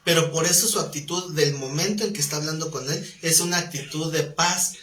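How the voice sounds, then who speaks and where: A man teaching a live Bible class, animated, breaking into quoted voices. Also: a little fast, slight background noise. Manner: animated, acts out quoted voices with rising pitch. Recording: roomy echo.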